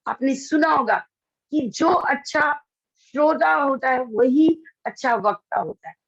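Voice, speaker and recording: A woman teaching students communication skills in Hindi, lively and expressive, acting out example lines and mixing in English phrases. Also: high voice, slow pace, gravelly, no room sound, lo-fi sound. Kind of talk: lecture to students.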